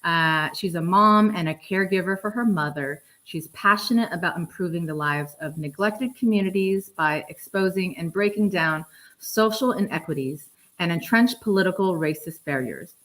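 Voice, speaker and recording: A woman's voice: lowish voice, moderate pace, a bit bright, poor audio. A woman hosting a live online talk show, introducing a guest in a friendly way with plenty of fillers. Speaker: host. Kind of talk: livestream hosting.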